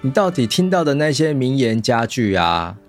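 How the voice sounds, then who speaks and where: A man's voice: mid-range voice, very animated, normal speed, soft background music. A man with a Taiwanese Mandarin accent chatting casually and expressively as a co-host of a book show. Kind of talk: casual chat about books.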